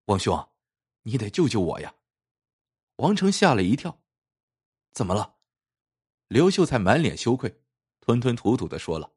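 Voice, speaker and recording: A man narrating an old folk tale in an expressive, lilting storytelling way. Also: medium pitch, slightly rough.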